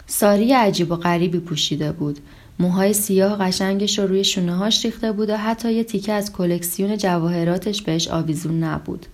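A woman narrating a translated story in a calm, even reading voice, lightly voicing the dialogue. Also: mid-range voice. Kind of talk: scripted audiobook narration.

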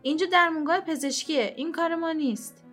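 A woman voicing a hurried, irritable male hospital orderly who answers curtly, in a storybook reading. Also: extremely high pitch, fairly bright tone, faint music behind, pitched above the performer's own voice. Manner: curt, brusque.

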